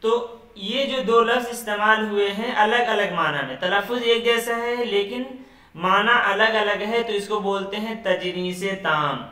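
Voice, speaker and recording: A man with a high, bright voice teaches an online literature class. He explains slowly, repeats each term and quizzes his students by name. He sits back from the mic in an echoey room. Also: recorded from a distance.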